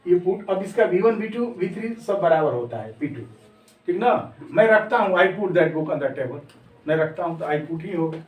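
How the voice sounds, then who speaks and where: A man with an Indian English accent teaching spoken English, mixing Hindi with slow, deliberate English phrases. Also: sits high, darkish tone. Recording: echoey room, mic far off.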